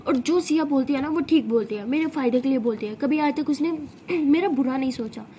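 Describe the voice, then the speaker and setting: A woman voicing a short-tempered young college woman who snaps sharp retorts. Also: sits high, fairly quick, slight background noise, natural voice. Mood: angry.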